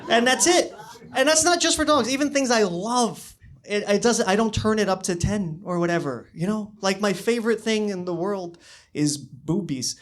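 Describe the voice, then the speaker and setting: A young man doing a stand-up comedy set in a small club, talking into a handheld microphone with a dry, understated delivery and halting restarts. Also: sits high, a little hiss or hum. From born in China, raised in the US. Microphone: handheld stage microphone.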